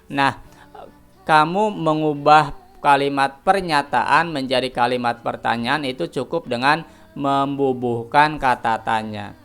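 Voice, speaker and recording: A man's voice: mid-range voice, fairly bright tone, clear, resonant tone. A man teaching a recorded lesson to primary school pupils. He asks the class questions, answers them himself and keeps calling the pupils his children.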